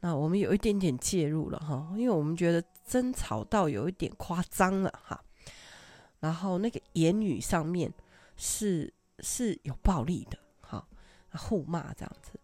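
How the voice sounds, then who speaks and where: A woman's voice: fairly low pitch, moderate pace, dry recording. An older woman, hosting a podcast and telling stories casually, with frequent laughter. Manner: laughs often, animated anecdotal telling. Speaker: podcast host. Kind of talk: casual storytelling.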